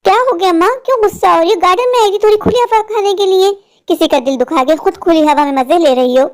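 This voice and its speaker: A woman's voice: extremely high pitch, fast. A woman voicing a vain, jealous younger sister in a cartoon story, who speaks in a taunting, mocking way. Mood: defensive.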